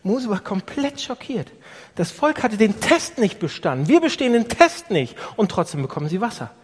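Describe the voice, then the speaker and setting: A man preaching an animated sermon to his congregation, firing off rhetorical questions. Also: high voice, normal speed, a little hiss or hum. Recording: long reverb of a large hall.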